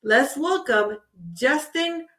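A woman's voice: high-pitched, lively intonation, slow, fairly bright tone. A woman from Puerto Rico hosting a podcast interview, enthusiastic and laughing easily. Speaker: podcast host.

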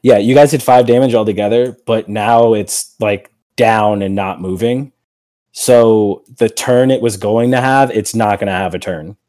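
A man's voice: lowish voice, measured pace, a little mellow. A man running a tabletop game, narrating the action casually with lots of fillers. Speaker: game master.

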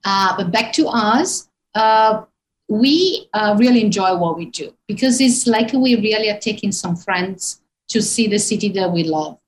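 A woman in her fifties from northern Italy with an Italian accent, speaking English as a tour guide in an interview, often pausing with fillers. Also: mid-range voice, lively intonation, a little hiss or hum, low-quality recording. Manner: hesitant, many fillers. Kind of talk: interview on a call.

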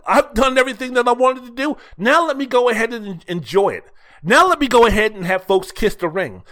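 A man with a high, sharp-edged voice delivers solo sports podcast commentary packed with opinions. He leans on repetition and rhetorical questions, and his style is emphatic and theatrical.

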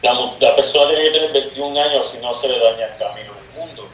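A man's voice: medium pitch, fast. A man speaking as a guest sorcerer in an interview, telling a story in casual speech, acting out its dialogue and dropping English words into his Spanish. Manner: acts out dialogue in his stories. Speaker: guest sorcerer sharing experiences. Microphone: remote call. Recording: echoey distant call line with faint noise.

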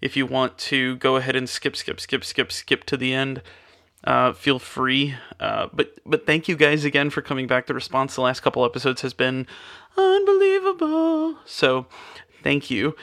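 A young man with a mid-range, gravelly voice hosts his own podcast from a spare-bedroom studio, speaking into a studio microphone at a moderate pace. His monologue is relaxed and rambling, full of fillers and restarts.

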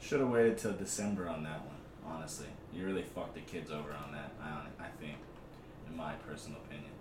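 A man's voice: a bass voice, steady tone, fast talker. A man co-hosting a sports podcast in loose, unpolished chat, blunt and slangy with swearing. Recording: distant, echoey room with clear noise.

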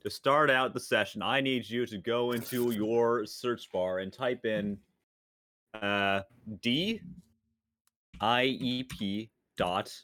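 A man running a tabletop game on a casual podcast, setting scenes with deadpan humor. His voice is bright and forward, recorded close and dry. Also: mid-range voice, slow, no room sound. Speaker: game master and co-host.

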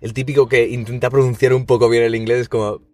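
Young Spanish guy, podcast host, mid-pitched, casual and foul-mouthed. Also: little pitch movement, quick pace, darkish tone. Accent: Spain. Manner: swears freely, calls listeners chavales.

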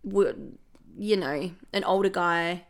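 A young adult woman, a podcast guest telling stories in casual chat, animated and swearing often. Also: on the low side, slow pace, vocal fry. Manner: animated storytelling, frequent swearing.

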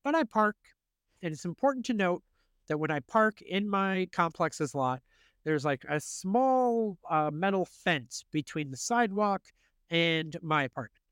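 A young man hosting a podcast, telling a story in a casual chat, animated, swearing freely and acting out the quotes. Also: high voice, measured pace, clean tone, no echo. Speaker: podcast host.

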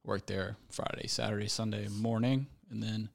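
A man hosting a podcast, chatting in a relaxed, friendly way and calling his guest "bro" and "man". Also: on the low side, moderate pace, gravelly. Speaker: podcast host. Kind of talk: casual podcast chat.

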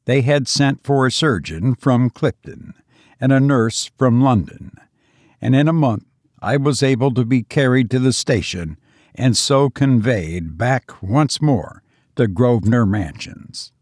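Male audiobook narrator, unhurried and deliberate, dry close sound. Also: medium pitch, lively intonation, darkish tone, no echo. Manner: measured, deliberate storytelling.

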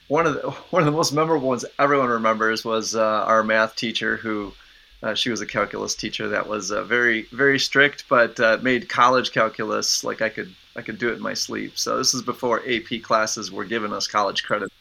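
A man speaks as a guest on a podcast interview. His voice is low and gravelly, with a bright edge. He answers haltingly, pausing on fillers and repeating himself as he finds his words. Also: fairly even intonation, rough recording. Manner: halting, many fillers and restarts. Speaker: guest, chief medical officer.

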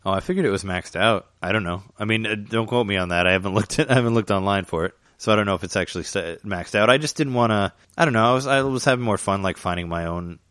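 A man with a very low voice talks through his video game progress in a loose, rambling way. He restarts sentences often and leans on fillers. The sound is dry and close. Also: fast, few pauses, a bit bright, no room sound. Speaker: gamer chatting. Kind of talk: casual chat.

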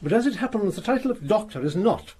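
A brilliant, vain old detective in a radio play, his slightly raised voice rising and falling in lively swoops. He speaks in precise, lofty phrases and chuckles at his own cleverness. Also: sits high, quick pace. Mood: lecturing. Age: older. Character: elderly retired detective, brilliant, vain and untidy. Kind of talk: radio drama acting.

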